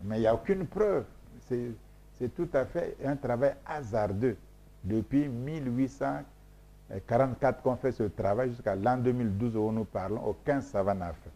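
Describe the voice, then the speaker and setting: A Congolese scholar whose first language is Mboshi explains his research in an interview. His delivery is emphatic, lecturing and repetitive, with many hesitations, in a mellow, dark voice of medium pitch at normal speed.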